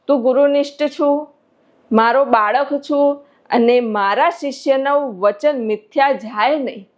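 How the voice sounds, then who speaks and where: A woman voicing a grave, sorrowful male spiritual master who speaks slowly and solemnly. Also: on the high side. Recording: dull lo-fi recording.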